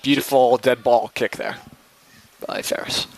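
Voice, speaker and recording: A man's voice: mid-range voice, steady tone, unhurried, creaky. A man calling live soccer play-by-play in clipped, running phrases. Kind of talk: live sports commentary.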